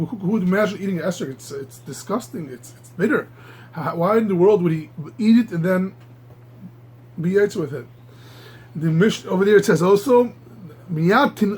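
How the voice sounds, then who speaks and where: A man teaching a Talmud class, halting and repeating words, marveling aloud at the texts. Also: high voice, breathy edge. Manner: halting, repeats words while reaching for the next; animated, marvels aloud at the text. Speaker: Torah teacher.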